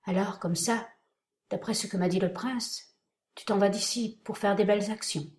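A woman reading aloud voices a tender, pleading young woman in soft, trembling, half-whispered tones. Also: mid-range voice, fairly even intonation, normal speed, lightly acted. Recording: roomy echoing room.

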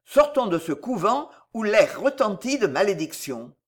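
A reader doing a gruff, defiant chevalier. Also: medium pitch, very animated, normal speed. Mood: urgent. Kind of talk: audiobook character voice.

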